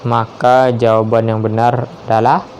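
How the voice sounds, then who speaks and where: A man slowly reading multiple-choice quiz questions aloud and confirming each answer. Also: mid-range voice, flat delivery, darkish tone, a little hiss or hum. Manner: measured, spells out each option, confirms answers with "ya".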